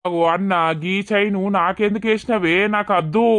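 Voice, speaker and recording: Cartoon young man, voiced, soft reassuring younger brother, smooth tone, Telangana accent. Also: mid-range voice, fairly even intonation, moderate pace, no room sound, close to an everyday voice. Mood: gentle. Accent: Telangana Telugu. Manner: gentle, reassuring. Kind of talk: cartoon voice acting.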